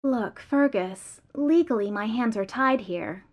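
A woman reading the lines of an apologetic male manager in an audiobook, calm and soothing. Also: on the high side, slow pace, dull audio. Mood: placating.

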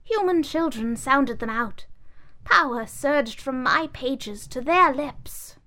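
A woman voicing an old, wise book of fairy tales who speaks in a measured, solemn way. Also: high voice, animated, sharp tone, pitched above the performer's own voice, heavily acted.

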